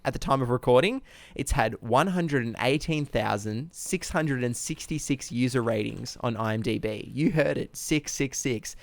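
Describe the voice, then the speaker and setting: A man's voice: medium pitch, gravelly, no room sound. A man co-hosting a casual comedy film podcast, reading out ratings with a playful, teasing manner and laughing along. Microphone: podcast mic, remote recording.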